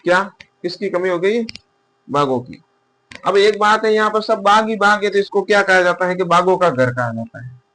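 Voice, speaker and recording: Man teaching, repeating key words slowly. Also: high-pitched, expressive, sharp tone. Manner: repeats key terms slowly while writing, asks and answers his own questions. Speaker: exam coaching teacher. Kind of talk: casual classroom-style lecture.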